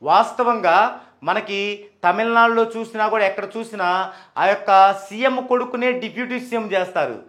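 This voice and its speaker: A man explaining name sounds, asking and answering his own questions and slowly repeating names to show how they are pronounced. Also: high-pitched, fairly bright tone. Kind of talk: explanatory talk.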